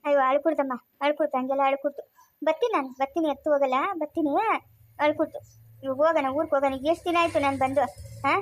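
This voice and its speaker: A long-suffering old village aunt with a rural Chikkaballapur Kannada accent, played by a woman in a family skit. Her voice sits fairly high for an old woman, and she talks in soft sighs with muttered little "ha?" asides. She is gentle and worn down. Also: fairly even intonation, racing, lightly acted. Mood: soothing. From Karnataka. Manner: sighing, murmured asides with "ha?".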